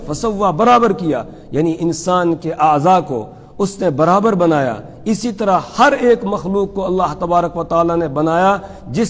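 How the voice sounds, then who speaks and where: Man teaching verses with long reverb. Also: fairly high pitch. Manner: explains step by step, asks questions then answers them, recites Arabic verses slowly. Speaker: Quran teacher giving tafseer. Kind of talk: religious lecture explaining verses.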